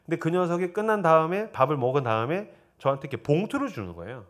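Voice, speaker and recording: Animated Korean pastor telling stories. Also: male voice, fast talker. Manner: animated, quotes himself and students in lively dialogue; drops to a low murmur for quoted lines. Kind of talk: sermon storytelling at a teachers' seminar. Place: church sanctuary.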